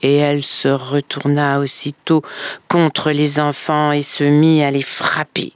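A woman telling a folktale in a slow, expressive storytelling manner. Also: deep voice, clean tone, no room sound. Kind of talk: folktale narration.

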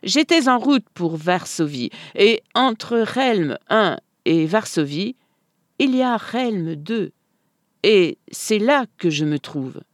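A storyteller voicing a calm, stubborn village man who insists he is someone else, in a read-aloud folk tale. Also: mid-range voice, slow, no room sound, clean studio sound, pitched above the performer's own voice.

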